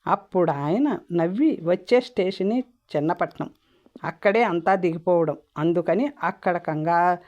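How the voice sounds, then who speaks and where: A woman's voice: lowish voice, unhurried, darkish tone. A woman narrating an audiobook in a plain storytelling manner. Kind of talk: storybook reading. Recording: dull lo-fi audio.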